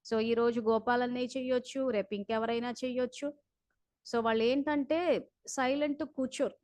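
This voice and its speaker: A woman's voice: fairly high pitch, fairly even intonation, a little fast, darkish tone, no room sound. A woman leading a spiritual class over a video call, talking earnestly and instructively while recounting heated phone calls.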